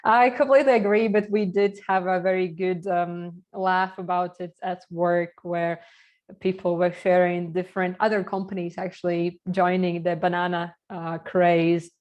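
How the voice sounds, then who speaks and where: A young adult woman from Latvia with a Latvian accent, giving a casual online startup workshop and filling pauses with "uh" and "yeah". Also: lowish voice, fairly even intonation, a little mellow. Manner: chatty, filler-heavy, uh and yeah between thoughts. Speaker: guest lecturer.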